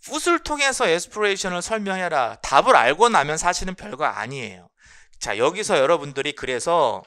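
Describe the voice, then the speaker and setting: Man, middle-aged, exam-prep lecturer, rhetorical questions, English terms mixed in, fairly high pitch, smooth and resonant. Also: sharp tone. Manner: explanatory, asks rhetorical questions and answers them; mixes English terms into Korean.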